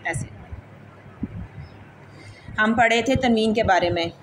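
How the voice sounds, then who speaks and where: Brief: female recitation teacher, slightly high voice, patient questioning style, faint background noise. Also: slow pace. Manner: patient, asks questions and repeats to check. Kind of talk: classroom lesson.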